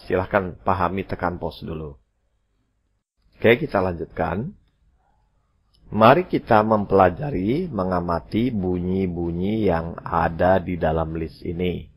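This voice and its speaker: A man teaching an English lesson, repeating his instructions and slowly spelling out example phrases. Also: deep voice, slightly rough. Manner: slow, drawn-out model pronunciations of English phrases.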